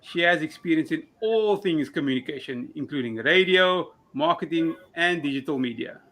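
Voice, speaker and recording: A man's voice: on the high side, animated, moderate pace, a bit bright. A man hosting an interview podcast, giving an upbeat, scripted welcome and asking questions. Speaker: show host. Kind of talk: podcast host intro and questions.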